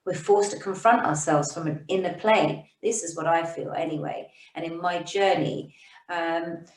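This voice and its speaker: A woman hosting an interview, talking in an effusive, encouraging way with halting restarts. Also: on the low side, fairly even intonation. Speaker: interview host. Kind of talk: conversational interview. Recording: roomy echo, distant from the mic.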